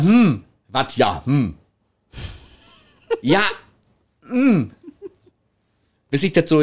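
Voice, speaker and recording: A middle-aged man, telling anecdotes in a chatty way, laughing often and checking in with the listener. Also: mid-range voice. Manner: chatty, laughs a lot, tags lines with "ne?". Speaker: former toilet attendant telling stories.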